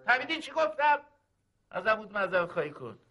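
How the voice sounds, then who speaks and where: A man's voice: sits high, sing-song, pushed and bright, full character voice. An actor playing a stern father and older brother who scolds and commands.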